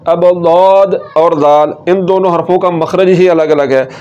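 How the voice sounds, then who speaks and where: A man teaching Quran recitation, explaining letter sounds step by step and repeating words slowly. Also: on the high side, steady tone, darkish tone, smooth, dull audio. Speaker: tajweed teacher.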